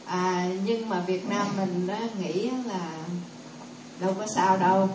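A woman speaks up from the audience at a temple discussion, earnest and deferential as she rambles through her point. She is far from the mic in a roomy, echoing hall, with a clear ambient hum behind her. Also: mid-range voice, fairly even intonation, unhurried. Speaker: audience member giving her view. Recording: distant voice in an echoey hall.

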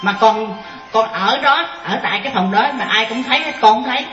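A Buddhist nun telling a story to her master, chatty and halting, often laughing as she speaks. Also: fairly high pitch, a bit bright, soft background music. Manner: chatty, hesitant restarts, laughs as she tells it. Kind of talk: storytelling in a question-and-answer session. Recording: roomy, dull sound from far off.

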